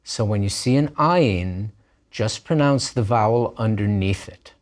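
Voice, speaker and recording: A man's voice: fairly low pitch, measured pace. A man teaching a language lesson, explaining letters patiently and step by step. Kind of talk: recorded lesson narration.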